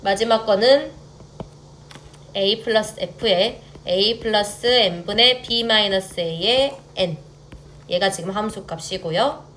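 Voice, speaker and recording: With a medium, fairly bright voice, a young female math teacher gives an online lecture against a faint hiss. Patient and explanatory, she often asks her students to confirm, mixing courteous and relaxed speech as she checks in.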